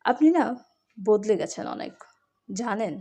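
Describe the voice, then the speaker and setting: A woman voicing a playful, affectionate young wife who is quick to sulk, in a romantic audio story. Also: medium pitch, lively intonation, warm tone.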